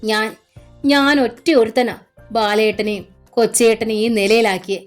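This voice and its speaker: Storybook figure: guilt-ridden young man, sobbing and lamenting, high and strained, read by a woman narrator. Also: steady tone, moderate pace, soft background music, close to an everyday voice. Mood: anguished. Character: grief-stricken young man blaming himself.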